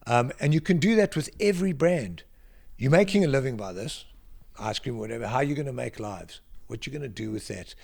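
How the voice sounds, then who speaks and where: A man's voice: medium pitch, expressive, brisk, vocal fry, darkish tone. A middle-aged South African man with a South African accent, a guest speaking in a casual interview in a library, often restarting phrases and then pushing words out with sudden emphasis. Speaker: guest, creative director.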